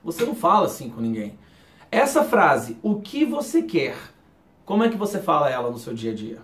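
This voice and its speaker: A man from Brazil giving a casual video lesson on everyday English, animatedly acting out quick, slangy phrases. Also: mid-range voice, sing-song, echoey room. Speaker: English teacher.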